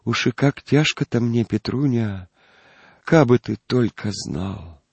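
A man voicing a soft, tearful peasant girl. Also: mid-range voice, expressive, slow, creaky, breathy edge, no echo, voice pushed up, exaggerated voice. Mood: sorrowful. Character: young peasant girl, gentle and frightened.

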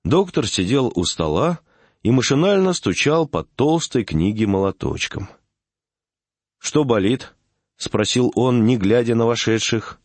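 A man narrating a classic short story in a measured, expressive reading. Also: mid-range voice, slightly rough, dry recording.

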